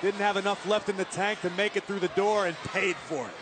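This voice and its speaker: A man's voice: sits high, steady tone, a little fast. A man doing live colour commentary on wrestling, speaking in a dramatic, emphatic way full of hyperbole. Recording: loud crowd and arena noise.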